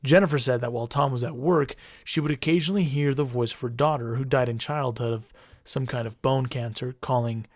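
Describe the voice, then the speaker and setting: A man's voice: medium pitch, fairly quick, no room sound. A man co-hosting a podcast, narrating a creepy story with dry jokes. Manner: wry, deadpan jokes. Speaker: podcast co-host. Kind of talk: casual storytelling.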